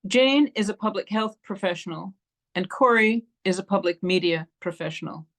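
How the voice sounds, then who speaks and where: A woman's voice: mid-range voice, normal speed. A woman moderating an online meeting, giving prepared housekeeping notes and speaker introductions.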